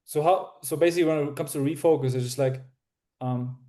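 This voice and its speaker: A man's voice: on the high side, brisk, warm tone. A man practicing a sales-call role-play on a video call, hesitant and full of fillers. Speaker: sales trainee.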